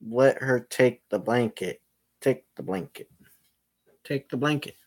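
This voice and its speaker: Talking mostly to himself during a livestreamed game, this streamer keeps up a casual, muttering commentary full of swearing. His voice is mid-range and measured in pace.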